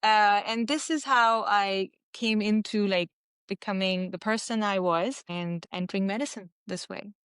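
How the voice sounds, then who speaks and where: A woman from Pakistan, telling stories as an interview guest in a chatty, animated way with many fillers. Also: medium pitch, measured pace, clear, resonant tone, no room sound, studio quality. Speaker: interview guest, physician and mountaineer. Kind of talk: casual interview storytelling.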